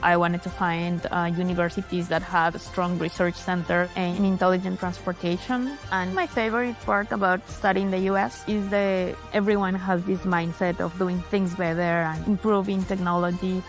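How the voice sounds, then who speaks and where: A woman's voice: on the low side, flat delivery, moderate pace, hardly any pauses, rough recording. A female PhD student from Ecuador speaking earnestly about her research in a testimonial. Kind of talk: scripted promo testimonial. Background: faint background music.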